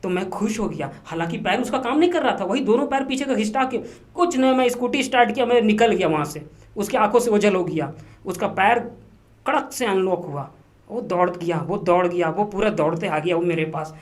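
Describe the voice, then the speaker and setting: A man talking as a podcast guest, telling a story in a lively, repetitive way and dropping English words into his speech. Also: high-pitched, fairly quick. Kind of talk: casual storytelling interview. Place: podcast studio.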